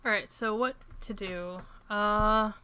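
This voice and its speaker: A young woman streaming a farming game, chatting to her viewers at a desk mic. Her voice is bright and forward, with self-deprecating asides, and keyboard typing clicks behind her. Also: medium pitch, fairly even intonation, takes it slowly, clear, resonant tone. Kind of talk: casual gameplay commentary.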